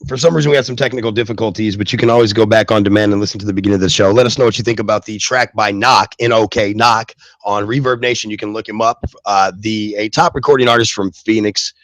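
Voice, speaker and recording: A man hosting a live web radio show cracks self-mocking jokes in a lowish voice, with loose fillers and restarts between news bits. The sound is dry and close, with no room around him. He grew up in the southwestern US and in Germany. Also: steady tone, quick pace, a bit bright, dry recording.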